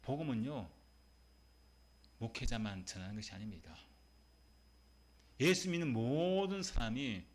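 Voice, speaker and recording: A man's voice: medium pitch, breathy edge. A male pastor preaching a Sunday sermon in a church, emphatic, repeating words and putting questions to the congregation. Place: church sanctuary.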